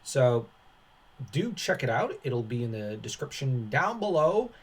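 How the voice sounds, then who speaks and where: A commentary channel host talks at a middling pitch in a loose online-commentator style, his voice husky, sing-song and unhurried. Dismissive and dryly sarcastic, he rambles and halts while working through his opinions.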